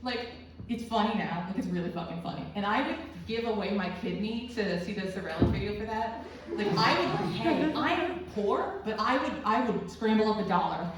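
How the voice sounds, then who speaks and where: With a crowd audible behind her, a stand-up comedian in her twenties tells crude, self-deprecating, rambling stories in a small club room. Her mid-range voice is animated and moves at normal speed, picked up by a distant mic in a very echoey space with faint noise.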